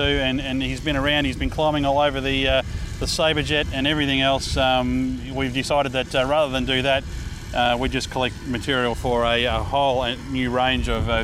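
A man's voice: level tone, a little fast. A man with an Australian accent chatting casually and matily as a podcast co-host. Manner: informal, matey thank-yous. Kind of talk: casual chat. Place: outdoors at an air show. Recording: noisy outdoor site with engine rumble.

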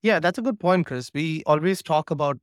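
A man's voice: fairly high pitch, brisk, no room sound, clean studio sound. A man talking as an interview guest over a video call, eagerly walking through his material step by step. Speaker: guest course creator. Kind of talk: casual interview chat.

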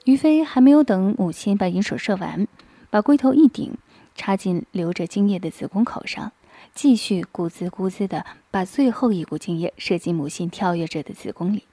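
A woman reading a story aloud in a soft, breathy half-whisper, close to the microphone. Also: medium pitch, lively intonation, normal speed, no echo. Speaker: narrator.

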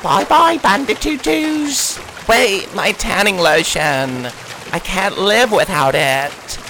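A man's voice: high voice, lively intonation, slow, noisy background, heavily acted. A man voicing a spoiled, bratty princess who talks in a sulky, drawling, dismissive way. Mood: snooty.

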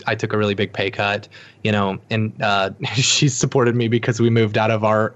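A man's voice: on the low side, a bit bright. A young man chatting as a podcast guest about his company, rambling with many fillers and restarts. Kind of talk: casual podcast chat. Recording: dull lo-fi sound.

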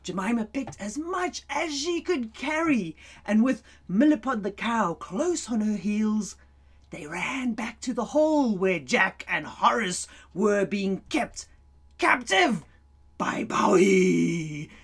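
A woman reading a children's story aloud in an animated way, laughing often and dropping to whispers. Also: medium pitch, slow pace, husky.

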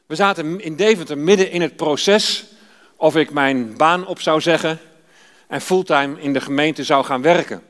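Fifty-something pastor preaching in a church. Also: male voice, on the high side, normal speed, a bit bright. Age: 50s. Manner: storytelling, personal. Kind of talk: sermon with scripture reading. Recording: long church reverb.

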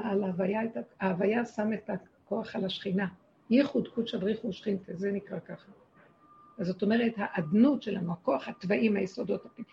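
A woman's voice: a little high, gravelly, darkish tone, lo-fi sound, slight background noise. A woman giving a religious lesson to a group, speaking emphatically in short, repeated phrases. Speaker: spiritual teacher.

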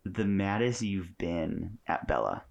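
Relaxed young man, low voice. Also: takes it slowly, creaky, muffled recording. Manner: relaxed, conversational, uses "like" often. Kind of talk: casual chat.

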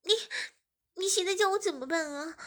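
A woman's voice: very high-pitched, fairly quick, a bit bright, voice pushed up. A woman voicing a shy young wife who gets flustered and pleads easily. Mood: upset pleading.

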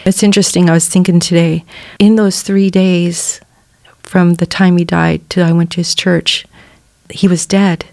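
Middle-aged woman, podcast guest; earnest testimony with lively quoted voices; low-ish pitch, dry close sound. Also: moderate pace, vocal fry, no room sound. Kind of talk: personal testimony in a church podcast interview.

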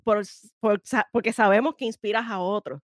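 A woman's voice: medium pitch, steady tone, moderate pace, no room sound, clean studio sound. A woman co-hosting a podcast interview, agreeing eagerly and laughing easily.

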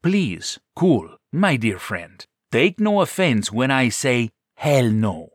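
A man voicing a gruff male minotaur who is a cursed prince, blunt and mock-polite. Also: mid-range voice, very animated, takes it slowly, no echo, studio quality, heavily acted.

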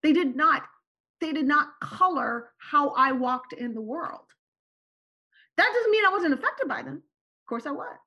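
This podcast guest, a Turkish-native woman with a high voice, recounts personal stories unhurriedly and pauses often. Her delivery is animated, with frequent "right?" tags, and the audio has its highs cut off.

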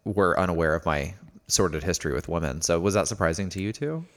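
A man's voice: deep voice, quick pace. A man hosting a podcast in a casual, joking chat, laughing often. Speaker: podcast host.

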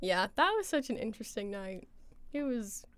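A woman's voice: mid-range voice, sing-song, moderate pace. A young woman co-hosting a college podcast in casual chat, giggly and self-deprecating, with lots of filler words. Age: young adult. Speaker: podcast co-host, college student.

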